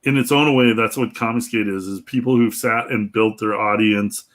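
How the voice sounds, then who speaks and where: A man's voice: lowish voice, steady tone, normal speed, fairly bright tone. A man hosting a casual podcast chat, opinionated and agreeable, often stumbling over his words. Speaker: podcast host.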